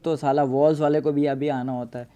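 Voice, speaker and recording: A man's voice: a little high, level tone, brisk, dark tone. A man doing casual, joking voice-over commentary on his own gameplay as a gaming YouTuber. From Pakistan. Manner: casual, joking, playful storytelling.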